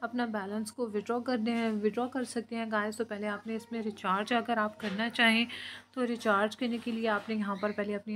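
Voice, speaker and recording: A woman hosting her channel, narrating a screen-recorded app walkthrough in a flat, repetitive way from the region when she uses words. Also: mid-range voice. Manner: flat, repetitive, with frequent fillers like guys and friends. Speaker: YouTube channel host.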